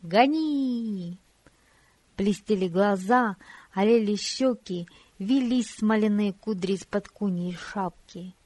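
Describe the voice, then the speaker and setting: A woman reading a historical story aloud in an expressive, measured way into a close studio mic. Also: medium pitch, dry recording. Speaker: audiobook narrator. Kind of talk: scripted storybook narration.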